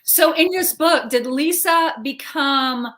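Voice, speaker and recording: A woman hosts a casual video call, prompting her guests and murmuring along as they talk. Her voice is high and bright, with a crisp, forward tone. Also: slow. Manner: encouraging, frequent backchannel murmurs. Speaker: host. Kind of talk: hosting a casual video chat.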